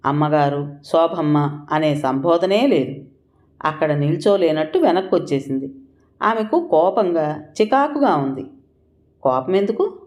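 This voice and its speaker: A woman narrating an audio story in a steady, measured reading voice. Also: low voice.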